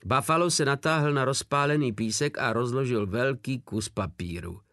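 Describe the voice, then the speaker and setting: A man reading an audiobook war novel in a steady, measured narration. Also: mid-range voice, no echo, clean studio sound. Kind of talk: scripted narration.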